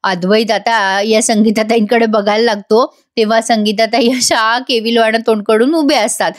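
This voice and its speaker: A woman narrates a voice-over recap of a TV serial episode. She retells the scenes in a chatty way and speaks straight to the viewers. Her voice sits fairly high. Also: fairly even intonation, moderate pace, no echo, studio quality. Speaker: TV serial reviewer.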